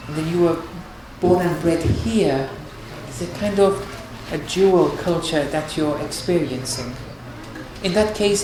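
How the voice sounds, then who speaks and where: A woman giving an earnest religious lecture on marriage, counselling her listeners and often restarting her phrases. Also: on the low side. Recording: very echoey hall with noise.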